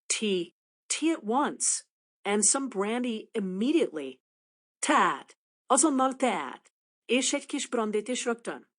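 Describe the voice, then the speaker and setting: A woman voicing a kind, impulsive wealthy young lady who speaks eagerly and comfortingly, a little briskly, in a storybook reading. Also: a little high, big pitch swings. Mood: urgent.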